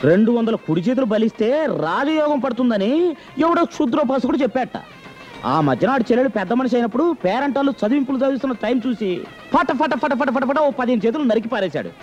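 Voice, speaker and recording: An actor playing a flustered, wisecracking young bridegroom in a film comedy, with quick, exclamatory delivery. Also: male voice, very high-pitched, lively intonation, muffled recording, soft background music.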